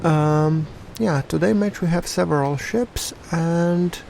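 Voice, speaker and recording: A man giving casual video game commentary in a halting, hesitant way, as the host of a channel. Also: a little high, vocal fry, a little mellow, slight background noise.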